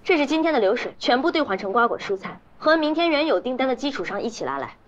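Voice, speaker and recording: An actress playing a brisk, businesslike woman in a comic drama. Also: sits high, sing-song. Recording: muffled audio with background music.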